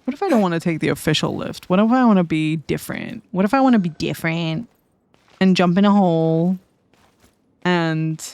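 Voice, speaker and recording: A woman streaming a game playthrough, reacting excitedly, giggling and talking to her viewers. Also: lowish voice, normal speed, no room sound.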